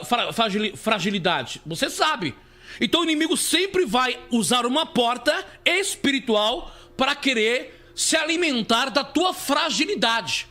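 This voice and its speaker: A man's voice: extremely high pitch, bright, forceful tone. A man, a bishop, giving an emphatic testimony sermon on a live stream, telling his story and calling his listeners beloved. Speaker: bishop preacher.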